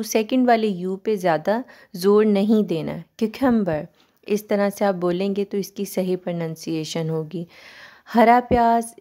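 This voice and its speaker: A woman teacher walks learners through English words, repeating each one slowly so they can follow along. Her voice is mellow and unhurried, pitched in an ordinary middle range. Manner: slow, repeats each word for learners to copy. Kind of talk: pronunciation lesson.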